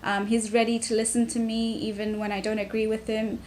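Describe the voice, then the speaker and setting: A woman's voice: fairly high pitch, flat delivery, brisk, darkish tone. Reflective young woman with faint noise. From Tanzania. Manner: reflective, frequent ums and restarts. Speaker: vlogger. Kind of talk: personal talk to camera.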